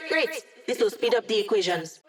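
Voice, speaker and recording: A woman's voice: fairly high pitch, very animated, normal speed, background noise. An actress playing an upbeat, wry female hacker who gives a squad mission support in a video game, with playful, teasing, casual delivery.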